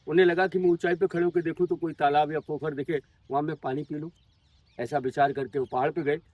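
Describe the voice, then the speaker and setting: A tour guide with a slightly rough, somewhat high voice recounts local history to a group at an outdoor monument, telling it like a patient story and slipping in English words and numbers. The recording is muffled and carries no room sound.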